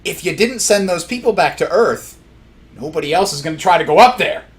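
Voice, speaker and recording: A man's voice: sits high, expressive, fairly quick. A man in a casual chat, retelling movie scenes with disbelief and frequent laughs. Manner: incredulous, laughs while retelling. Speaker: movie review show co-host.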